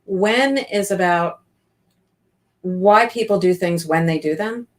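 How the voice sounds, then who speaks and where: Enthusiastic woman coach in her fifties, lower voice, talks freely with restarts. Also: slow pace. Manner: chatty and enthusiastic, with frequent restarts. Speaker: guest business coach. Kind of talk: casual interview chat.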